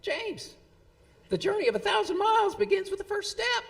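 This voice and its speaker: A high twangy Tennessee drawl. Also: male voice, big pitch swings, moderate pace, vocal fry, fairly bright tone, a little hiss or hum, exaggerated voice. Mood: proclaiming. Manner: twangy, high-pitched, proclaiming. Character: older male friend with a folksy Southern drawl. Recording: long hall reverb.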